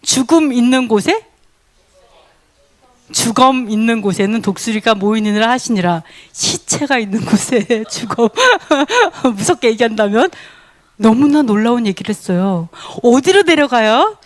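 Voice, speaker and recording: Animated woman teaching a sermon. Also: a little high, normal speed, no echo. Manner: animated, asks many questions, laughs often, acts out quoted voices. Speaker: Bible teacher. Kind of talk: sermon teaching with questions to the audience.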